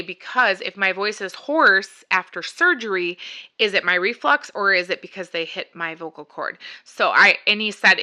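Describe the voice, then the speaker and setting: Sharp in tone and mid-range in pitch, this woman's voice carries a casual, meandering account of her own health journey. As a vlogger, she voices both herself and the other people in the conversations she describes.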